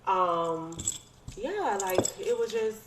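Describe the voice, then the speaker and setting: A woman in her thirties from the United States, a podcast guest, tells personal stories in a relaxed, conversational way packed with slang. Her voice is fairly low, sing-song and slow. The recording has a roomy echo and clearly audible background noise.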